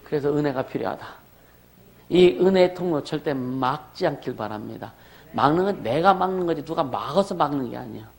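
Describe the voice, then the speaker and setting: Guy pastor preaching, kinda high gravelly voice, chatty, keeps asking amen?. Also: animated, brisk. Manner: conversational preaching with rhetorical questions and calls for amen. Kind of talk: sermon.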